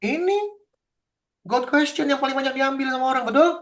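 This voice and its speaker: A male pastor with a high voice leads a teaching discussion over a video call. He speaks emphatically, with indignant outbursts, and acts out quoted back-and-forth exchanges. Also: brisk, fairly bright tone.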